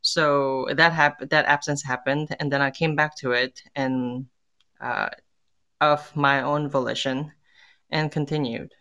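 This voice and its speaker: A woman born in Korea, a tango musician, talking in a casual interview, thoughtful and pausing often with fillers and restarts. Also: extremely low pitch, fairly even intonation, pushed and bright, dull audio.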